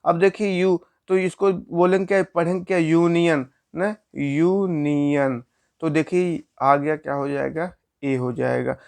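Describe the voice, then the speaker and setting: A man's voice: on the high side, fairly even intonation, moderate pace, creaky, few pauses, clear, resonant tone. A man teaching a grammar lesson, explaining step by step and asking questions he answers himself.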